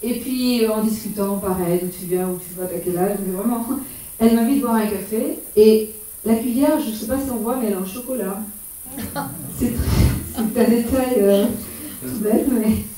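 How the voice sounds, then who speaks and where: A woman's voice: a little high, normal speed, warm tone, a little hiss or hum. A middle-aged woman giving an informal, hesitant slideshow talk, with many fillers and restarts. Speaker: speaker giving a travel talk. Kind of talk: informal slideshow talk about a solo walking pilgrimage. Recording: very echoey room, voice far from mic.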